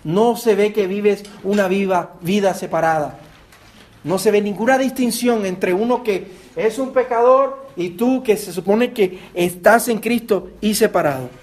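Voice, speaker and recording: A man with a Puerto Rican accent delivers a sermon in a fairly high voice. He preaches earnestly, repeating words and turning to his listeners with direct questions. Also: unhurried, darkish tone. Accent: Puerto Rican Spanish. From Puerto Rico. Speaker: pastor.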